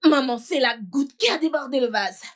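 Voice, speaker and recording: A woman voices a fierce young woman in a dubbed film drama, her fairly high voice hard with defiance. She insists on vengeance. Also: lively intonation, normal speed. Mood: defiant. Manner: defiant, forceful. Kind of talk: French dub of a film.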